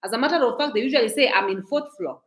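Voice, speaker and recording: A woman's voice: on the high side, fast talker. A woman from Kenya with a Kenyan accent, giving casual, talkative commentary on celebrity gossip to her viewers, emphatic and repeating herself. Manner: mixes in Swahili phrases.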